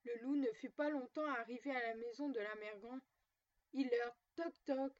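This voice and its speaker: A woman narrates a classic fairy tale in a clear, measured reading style. Her voice sits high, and the recording sounds dull and lo-fi. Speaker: storyteller.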